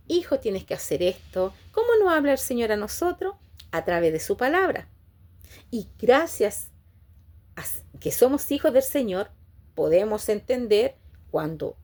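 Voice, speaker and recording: A woman delivers a sermon in a warm, mellow voice at a middling pitch. She keeps asking her listeners rhetorical questions. She ends almost every phrase with a questioning "right?". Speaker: preacher.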